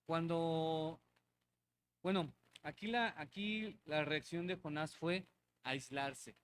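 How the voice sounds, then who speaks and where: In a church hall, a man with a high-ish, slow, somewhat bright voice that sounds clear and resonant preaches a conversational sermon. He repeats phrases and asks the congregation to agree with him.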